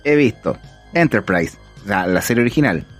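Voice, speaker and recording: A man's voice: lowish voice, expressive, normal speed, soft background music. A man with a Chilean accent hosting a casual podcast, an enthusiastic, rambling storyteller. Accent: Chilean Spanish. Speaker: podcast host.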